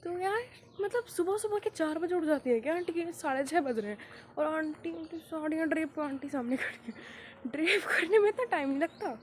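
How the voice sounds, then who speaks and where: A teenage student vlogger chats casually, mocking herself and mixing Hindi with English, first outdoors on a morning walk and later at home. Her voice is extremely high-pitched, with lively intonation and a fairly quick pace.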